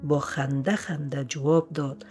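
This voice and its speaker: A storyteller reading a story in a measured, descriptive way. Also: medium pitch, little pitch movement, husky. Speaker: narrator. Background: soft music.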